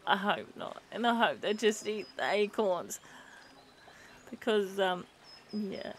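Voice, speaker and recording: A woman's voice: mid-range voice, lively intonation, takes it slowly, a little hiss or hum. A woman with an Australian accent giving casual reaction commentary on a video, hesitant and full of fillers and restarts.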